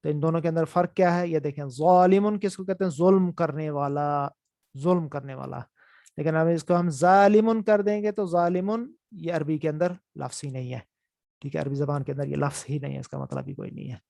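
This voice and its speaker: A man gives an online lesson on the rules of Quran recitation, repeating each point to make sure it sinks in. His voice is gravelly and sits a little high for a man. The sound is dry and close. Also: fairly even intonation, dark tone, no room sound. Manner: explanatory, repeats key points with "theek hai". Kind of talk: online class lecture.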